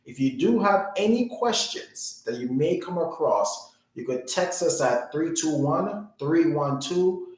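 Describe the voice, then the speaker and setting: A man's voice: on the high side, animated, unhurried, hardly any pauses, darkish tone, very echoey, poor audio. A man from Jamaica giving an earnest, motivational financial education talk, with many "you know" fillers. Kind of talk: webinar-style presentation.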